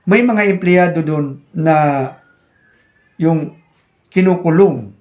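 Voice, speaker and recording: Man, Filipino accent, slightly high voice, casual explainer, chatty, talks straight to viewers. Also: takes it slowly, a little mellow. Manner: conversational, addresses viewers as guys, acts out little scenes. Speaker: YouTube channel host, security guard trainer.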